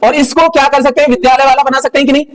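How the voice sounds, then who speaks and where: A man's voice: very high-pitched, level tone, very fast, low-quality recording. A man teaching a grammar lesson to a class, explaining rules step by step and asking the students again and again whether they follow. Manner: keeps asking the class checking questions.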